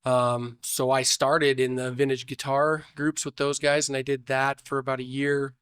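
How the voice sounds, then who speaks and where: A man's voice: mid-range voice, little pitch movement, moderate pace, fairly bright tone, clean tone, dry recording, clean studio sound. Sick, stuffy-voiced man in casual interview. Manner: rambling, many restarts. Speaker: shop owner guest.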